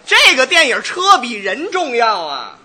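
A man's voice: very high voice, huge pitch swings, measured pace, pushed and bright, husky. A man performing Chinese crosstalk comedy on stage as a bossy director correcting his partner. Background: audience laughter.

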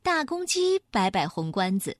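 A woman narrating a children's story in an expressive, animated way. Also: mid-range voice, normal speed, no echo, clean studio sound.

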